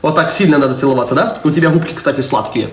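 Inside a church, a priest in his 20s hosts a casual live-stream chat, talking at a racing pace in a slightly high voice. He replies to viewers' comments and teases his young daughter, the sound carrying a roomy echo and faint background noise.

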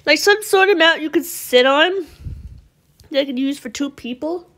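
A woman's voice: sits high, moderate pace, fairly bright tone. A woman giving casual, rambling commentary over a game she is playing, often stopping herself mid-sentence. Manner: rambling, chatty, self-interrupting. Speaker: gameplay video host.

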